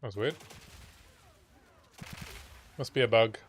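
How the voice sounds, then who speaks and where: A man's voice: medium pitch, takes it slowly, slightly rough. Man musing through his gameplay. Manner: musing aloud to himself while playing. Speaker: game streamer. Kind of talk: casual gameplay commentary.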